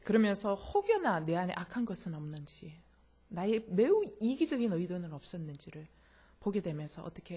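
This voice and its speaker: A woman's voice: mid-range voice, a little mellow, slightly rough. A woman pastor preaching a sermon, emphatic and speaking straight to her congregation with questions. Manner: addresses listeners directly and often.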